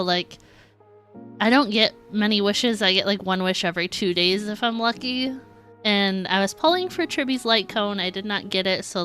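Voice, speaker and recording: A woman with a medium-pitched, fairly bright voice livestreams a video game. She chats casually and informally with viewers, giggly and easygoing.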